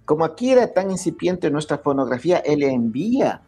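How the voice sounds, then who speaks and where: A man's voice: on the high side, big pitch swings, a little fast, dark tone, slightly rough. A man, a guest explaining music history in a lecturing way, often checking in with "¿ya?". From Ecuador. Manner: lecturing, frequent "¿ya?" checks, many restarts. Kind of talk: explanatory interview talk.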